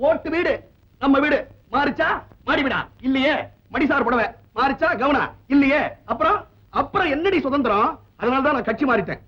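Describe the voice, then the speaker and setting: A man's voice: extremely high pitch, animated, normal speed. An actor playing a pompous husband who keeps switching political parties, speechifying in a 1970s film comedy. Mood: boastful. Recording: dull old film soundtrack.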